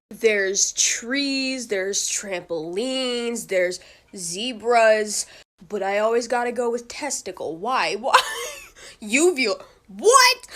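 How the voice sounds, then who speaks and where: A woman's voice: medium pitch, a bit bright. A woman making a casual comedy video, blurting out random words and laughing at herself in disbelief. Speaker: TikTok creator.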